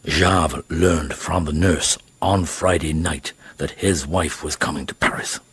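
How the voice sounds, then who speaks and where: An actor playing a patient, perceptive police inspector in a radio drama, hesitant, avuncular and probing. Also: male voice, a bass voice, fairly even intonation, unhurried, a bit bright, breathy edge, exaggerated voice. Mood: measured, deliberate.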